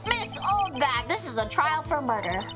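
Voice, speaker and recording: A woman's voice: sits high, big pitch swings, normal speed, music in the background, poor audio. A woman reading as an earnest young male lawyer. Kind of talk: reading a visual novel aloud.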